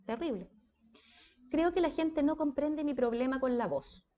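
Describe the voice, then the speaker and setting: A woman's voice: high voice, unhurried, muffled recording. A woman with a Chilean accent giving a casual speech therapy lecture, often checking in with her students. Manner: conversational, checks in with frequent "¿ya?".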